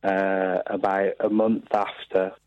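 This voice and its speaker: A man's voice: low voice, level tone, takes it slowly, no room sound. A man in his thirties calling in over the phone, hesitant and full of ums and restarts. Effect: heard over the phone. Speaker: caller to a phone-in show. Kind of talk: casual chat. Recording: dull phone-line sound.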